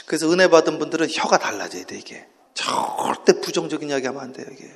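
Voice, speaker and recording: A man preaching an early-morning sermon, swinging from hushed talk to shouting and leading the congregation in call-and-response. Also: fairly high pitch, animated, fast, gravelly. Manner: impassioned, shifts from hushed to shouting. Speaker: pastor. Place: church sanctuary. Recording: long church hall reverb.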